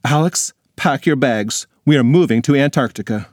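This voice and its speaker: A man's voice: mid-range voice, normal speed, darkish tone, dry recording, clean studio sound, close to an everyday voice. A man voicing a fussy, dramatic mother who talks in a theatrical, exasperated way.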